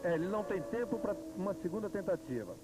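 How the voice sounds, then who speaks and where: Brazilian male racing analyst, high voice, heavy noise. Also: lively intonation, fast talker. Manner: explanatory, reasoning point by point. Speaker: motorsport analyst commentator. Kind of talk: live technical racing analysis. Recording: very noisy 1990s TV broadcast.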